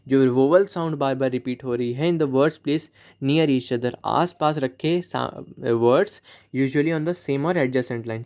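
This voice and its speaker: A man teaching English poetic devices in Hindi. He mixes in Indian-accented English and slows down to read the example lines aloud. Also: medium pitch, a little mellow. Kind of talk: classroom lesson, Hindi with English.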